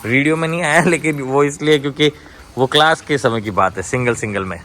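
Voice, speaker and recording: A man working as a dog trainer talks casually to the camera at a dog hostel, often breaking off to shout firm orders and gentle coaxing at the dogs. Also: mid-range voice, a little fast, slight background noise. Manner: commanding and coaxing dogs, often rising sharply.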